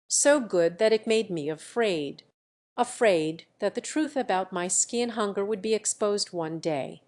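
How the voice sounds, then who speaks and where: A woman narrating a romance story in a steady, even storytelling voice. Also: medium pitch. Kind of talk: scripted audiobook narration.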